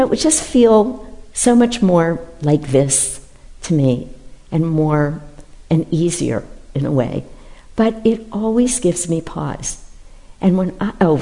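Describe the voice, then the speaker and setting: A woman with a low, gravelly, mellow voice gives a casual Sunday sermon in a big church. She tells self-deprecating stories and speaks to the congregation as if chatting. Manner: conversational, self-deprecating storytelling. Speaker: minister leading a Sunday service. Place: large church.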